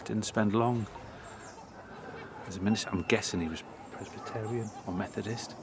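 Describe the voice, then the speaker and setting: A man's voice: lowish voice, fairly even intonation, normal speed. A middle-aged man walking a churchyard for his history vlog, talking with enthusiasm and reading old inscriptions aloud. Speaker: history vlogger. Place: outdoor churchyard. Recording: noisy outdoor recording with birds.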